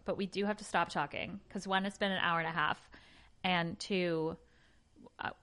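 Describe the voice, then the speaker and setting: A woman's voice: medium pitch, a bit bright. A woman co-hosting a podcast in casual, rambling and playful chat. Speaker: podcast co-host.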